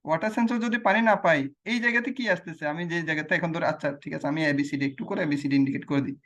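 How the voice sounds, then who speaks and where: A man's voice: a little high, very fast, fairly bright tone. Man, teacher, walks through a screen demo, asks and answers his own questions, repeats himself. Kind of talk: explaining logic gates on a screen demo.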